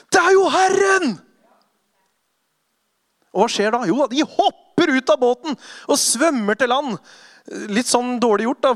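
A man preaching a sermon, retelling Bible stories with lively acted-out voices and sudden hushed passages. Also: extremely high pitch, no room sound, clean studio sound. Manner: animated storytelling, acting out voices, drops to hushed tones.

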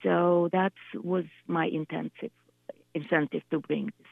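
Halting Russian-accented woman on a phone line. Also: on the low side, steady tone, vocal fry, husky, no room sound. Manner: halting, many fillers and restarts. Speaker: art gallery coordinator, guest. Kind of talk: radio interview by phone.

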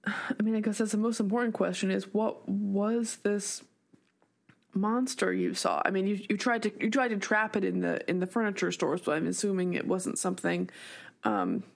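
A woman playing a tabletop role-playing game, speaking casually and tentatively, with halting phrases. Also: medium pitch, creaky. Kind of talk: casual in-character role-play.

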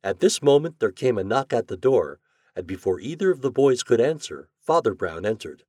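A man's voice: medium pitch, big pitch swings, moderate pace, a little mellow, no echo, studio quality. A man reading a children's storybook aloud, narrating expressively. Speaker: story reader.

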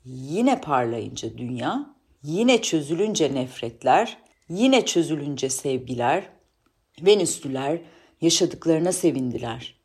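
A woman's voice: low voice, animated, measured pace, a little mellow, breathy edge. A woman reading a play script aloud, reading character names and stage directions. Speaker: play reader.

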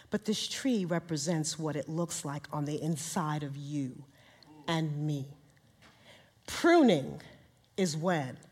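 A woman in her sixties or older preaching a sermon, speaking to a live congregation and swinging from quiet lines to shouted highs. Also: slightly rough. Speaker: guest speaker, minister. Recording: reverberant hall.

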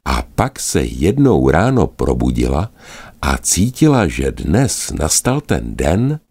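A man narrating a children's animal story in a gentle, expressive manner. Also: extremely low pitch, slightly rough.

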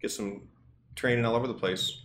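A man's voice: medium pitch, steady tone, a little fast, fairly bright tone, slight background noise. A man co-hosting a podcast, chatting in a jokey, colloquial and teasing way. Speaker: podcast co-host. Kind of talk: casual, joking podcast chat.

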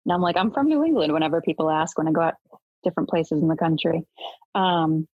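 Husky-voiced woman hosting an interview. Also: low-pitched, fast talker, dry recording, narrow, tinny audio. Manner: friendly, laughs often, filler "um"s. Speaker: podcast host.

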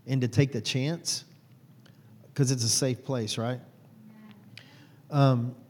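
Speaking to a small group, a man in his forties, a lay preacher, delivers a rambling, informal sermon full of fillers and frequent self-corrections. His voice is mid-range and a little mellow, and the sound carries a long hall reverb.

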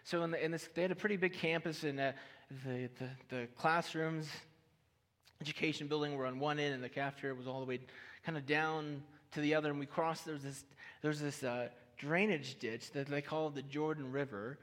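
Male preacher, story-driven sermon with gentle humor, slightly high voice, long hall reverb. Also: fairly even intonation, a little fast. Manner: personal storytelling with light humor, addressing the audience.

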